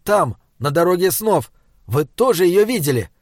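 A man voicing an anxious young man who speaks in a halting, shaken way. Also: sits high, very animated, no room sound, studio quality. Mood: urgent. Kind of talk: audiobook character reading.

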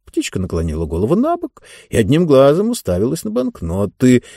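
A male audiobook narrator with a warm, mellow voice that swings widely and vividly in pitch. He reads expressively, close to the mic. The recording is dry, with no room sound. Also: wildly swooping pitch, brisk, vocal fry, husky, no room sound. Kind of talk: scripted narration.

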